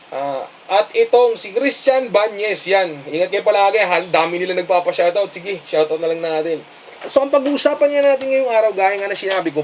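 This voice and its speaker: A man lectures his audience in a casual, scolding tone and keeps tacking on rhetorical questions. His voice sits high for a man. A faint noise hums under the recording. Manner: scolding, preachy, repeats "di ba?". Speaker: vlogger giving advice. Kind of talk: casual advice monologue.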